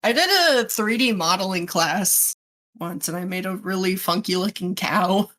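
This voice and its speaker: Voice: medium pitch, fairly even intonation, moderate pace, fairly bright tone. A young adult podcast co-host trading playful, joking banter in casual chat.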